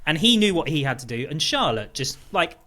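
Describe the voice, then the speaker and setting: Excitable bloke, bright sharp voice, goes up and down loads. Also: male voice, a little high, a little fast. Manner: enthusiastic, rambling with restarts. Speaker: podcast co-host. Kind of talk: casual chat. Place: at home.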